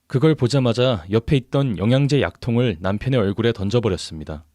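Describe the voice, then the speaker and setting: A man's voice: mid-range voice, fast, warm tone, no echo, studio quality. A man reading a listener's story aloud in scripted narration.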